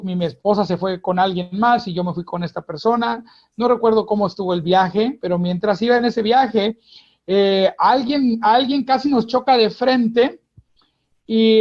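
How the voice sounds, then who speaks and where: A man with a Mexican accent, a pastor speaking as a radio guest, preaching in an earnest, halting way that often repeats words. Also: high-pitched, muffled recording.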